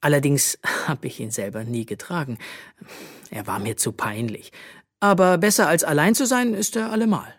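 A woman voicing a caring, weary mother in a children's storybook, talking softly with a sighing manner. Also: sits low, moderate pace. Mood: gentle, weary. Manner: soft, sighing.

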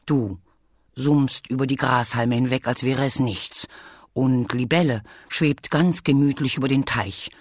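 A storyteller voicing an eager, clumsy male bear who wants to fly, speaking slowly and earnestly in a lowered voice. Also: no echo, studio quality, close to an everyday voice. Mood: wistful. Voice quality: deep, slow, earnest and stubborn. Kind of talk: storybook read-aloud.

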